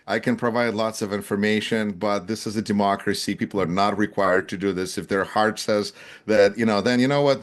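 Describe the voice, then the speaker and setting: A man hosting a political talk show, talking in an animated, sarcastic way and acting out the people he quotes. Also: on the low side. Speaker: host.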